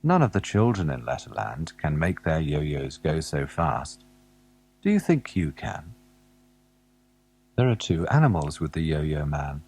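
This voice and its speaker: A man with a deep, slightly husky voice reads a picture-book story for small children. He takes his time and his pitch rises and falls a great deal as he coaxes the listener to spot things on the page. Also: very animated, unhurried. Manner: gentle, asks the listener questions and waits. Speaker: narrator of a children's alphabet tape. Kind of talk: scripted storybook narration for young children.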